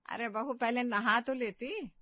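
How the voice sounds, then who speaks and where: A woman's voice: on the high side, unhurried, highs cut off, pitched above the performer's own voice, lightly acted. A woman voicing a weary middle-aged mother-in-law who scolds, then placates. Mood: placating.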